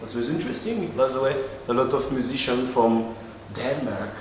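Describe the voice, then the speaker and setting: A man's voice: medium pitch, normal speed. A man answering interview questions in a loose, rambling way with many fillers. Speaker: interviewee, musician. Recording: roomy echo, distant mic, faint noise.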